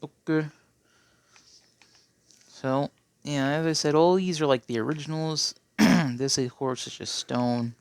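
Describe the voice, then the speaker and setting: Gravelly man rambling through gameplay. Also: on the high side, steady tone, takes it slowly, pauses often, no room sound. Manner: rambling, keeps clearing his throat, tacks on "okay?". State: phlegmy throat. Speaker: Minecraft player. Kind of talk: casual gameplay commentary.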